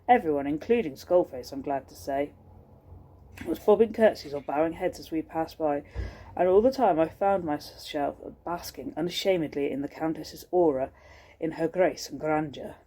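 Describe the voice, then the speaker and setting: A woman teacher reading a storybook aloud to children, expressive and pausing to show the pictures. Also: deep voice.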